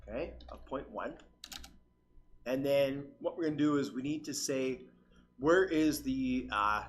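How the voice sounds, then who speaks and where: A man's voice: medium pitch, slight background noise. Man with a cold rambling through a tutorial. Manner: rambling, filler-heavy, restarts sentences. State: losing his voice with a cold. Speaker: channel host, tutorial maker. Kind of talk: casual screen-recorded coding tutorial.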